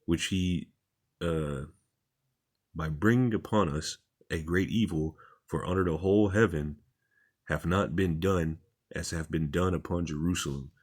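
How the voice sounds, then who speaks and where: A man's voice: sits low, unhurried, a little mellow. A man reading articles aloud and commenting on them in an informal, repetitive, plain-spoken way, as a religious commentator.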